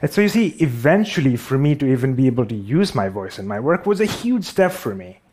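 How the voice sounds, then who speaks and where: A man's voice: medium pitch, big pitch swings, brisk, a little mellow, slightly rough. Wry man with a Pakistani accent. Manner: wry, self-deprecating humor. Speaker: speaker giving a talk. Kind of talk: storytelling conference talk.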